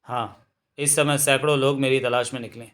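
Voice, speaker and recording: A man voicing a calm, assured bandit who gives orders in a storybook reading. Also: medium pitch, moderate pace, close to an everyday voice. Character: calm commanding royal bandit, adult man.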